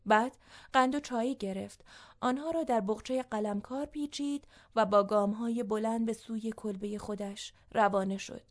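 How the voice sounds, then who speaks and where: A woman reads a story aloud as narrator. Her pacing is measured and even. Her voice sits a touch higher than most.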